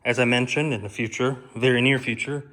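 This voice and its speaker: A man hosting a casual car vlog, calmly explaining each step as he works in a garage. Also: mid-range voice, a little fast. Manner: relaxed, explaining step by step while working. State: out of breath. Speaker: car channel host.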